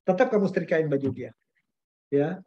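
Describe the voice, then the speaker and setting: A man's voice: on the high side, expressive, moderate pace, warm tone. A man, a pastor giving a conversational webinar talk, telling anecdotes in a chatty way with slang and English words mixed in. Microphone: webinar video call. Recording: dull lo-fi webinar audio.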